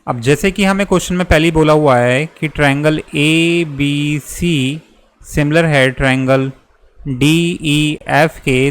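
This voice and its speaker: A young man, patiently walking students through a geometry proof step by step, often checking in as he goes. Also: on the high side. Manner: patient, repeats and checks with "theek hai". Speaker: maths teacher.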